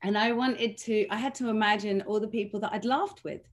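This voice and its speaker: A woman fitness trainer telling personal stories in a self-mocking, laughing way, pronouncing her R's softly as W's. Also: mid-range voice, steady tone, brisk. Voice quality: cannot pronounce R's properly, says w for r. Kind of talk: animated personal storytelling in conversation.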